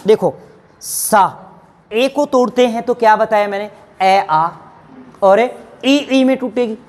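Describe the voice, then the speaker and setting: Slow-speaking woman teacher quizzing her class. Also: fairly high pitch, darkish tone. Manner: asks questions and answers them herself; addresses students fondly as children. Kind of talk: Hindi grammar lesson for exam students.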